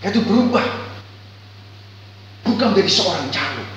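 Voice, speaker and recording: A male pastor delivering a storytelling sermon, swinging between loud calls and quiet reflection. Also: high-pitched, lively intonation, normal speed. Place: church hall. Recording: echoey church hall, far mic, faint hum.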